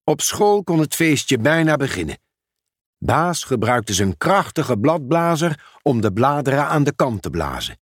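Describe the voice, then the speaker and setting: Slow, expressive male storybook narrator. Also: medium pitch, no echo, clean studio sound. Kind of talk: children's storybook reading.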